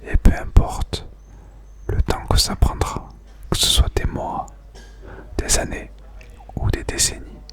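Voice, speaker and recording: A man speaking in a breathy, unvoiced whisper, presenting and reading books in an informal ASMR style. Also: takes it slowly, long pauses.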